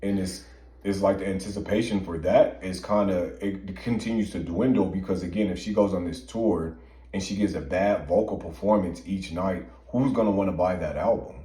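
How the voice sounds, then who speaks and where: A man's voice: low voice, steady tone, normal speed, warm tone, roomy sound. A man co-hosting a music commentary show, giving earnest, emphatic opinions with plenty of fillers. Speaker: podcast co-host. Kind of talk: casual chat.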